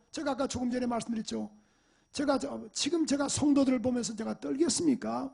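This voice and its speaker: Gravelly high-pitched male preacher. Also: dark tone. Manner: emphatic preaching with rhetorical questions to the congregation. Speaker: pastor. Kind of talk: sermon. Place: church sanctuary.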